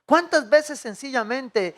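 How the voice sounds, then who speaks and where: A man's voice: very high-pitched, slow. A man with a Colombian accent preaching a sermon as pastor, telling stories and putting questions to the congregation. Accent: Colombian Spanish. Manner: animated storytelling, acting out dialogue, asking the congregation questions. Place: church.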